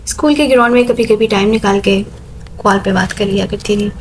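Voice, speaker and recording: A woman's voice: medium pitch, a little hiss or hum, low-quality recording. A woman narrating a first-person story in a plain, conversational way.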